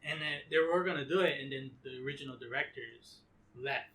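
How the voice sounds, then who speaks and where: A man co-hosting a casual podcast, relaxed, telling stories that trail off softly. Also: mid-range voice, brisk. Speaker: podcast co-host. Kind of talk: casual chat. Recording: distant mic with faint noise and room ambience.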